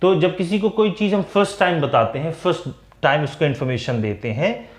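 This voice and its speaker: An Indian man explains English grammar in a slow, patient classroom style, stretching out the words he wants to stress. His voice sits a little high. The recording has a noticeable room echo. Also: animated. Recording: echoey room.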